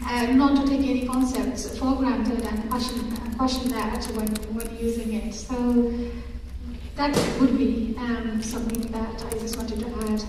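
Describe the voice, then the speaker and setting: Woman from nepal on a panel, fairly high voice, flat delivery, echoey hall far off mic. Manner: thoughtful, hesitant with fillers. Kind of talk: academic panel discussion. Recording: echoey hall, distant mic, faint noise.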